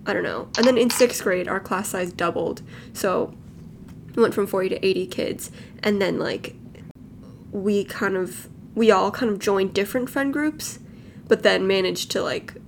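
A woman's voice: mid-range voice, normal speed, gravelly, slight background noise. A nineteen-year-old woman from California, co-hosting a podcast in a casual, rambling chat full of "like" and "um". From Los Angeles, California. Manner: rambling, filler-heavy, lots of "like" and "um". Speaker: podcast co-host. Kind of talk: casual chat among friends. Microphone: home podcast mic, lo-fi.

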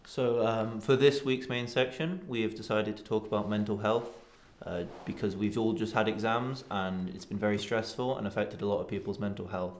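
Teen boy co-host, earnest, lowish pitch, echoey room. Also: steady tone, normal speed, slight background noise. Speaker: podcast co-host. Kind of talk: casual chat.

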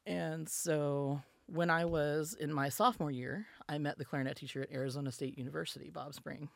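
A woman's voice: sits low, fairly even intonation, fairly quick, creaky, dry recording. A woman from Alabama, a musician and podcast guest, telling her story in a chatty, filler-heavy way and acting out quotes. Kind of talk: casual storytelling interview.

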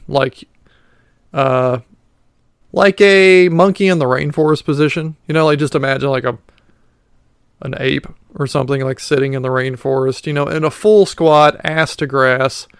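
A man in his late thirties talks through a casual solo podcast. He rambles and pokes fun at himself, with plenty of fillers along the way. His voice is smooth and resonant, recorded dry and close to the mic. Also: on the high side, normal speed, no echo. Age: 30s. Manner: rambling and self-mocking, with many fillers. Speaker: podcast host.

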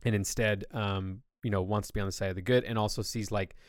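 A man's voice: on the low side, fairly even intonation, quick pace, no room sound, studio quality. A man hosting a podcast, explaining things at length in a casual, enthusiastic way. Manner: long-winded enthusiastic explaining. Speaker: podcast host. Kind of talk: casual chat.

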